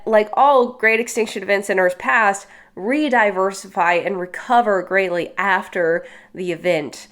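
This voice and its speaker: A woman presenting an educational science video with a stuffy, nasal voice from a cold, explaining in an upbeat way and leaning hard on key words. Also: mid-range voice.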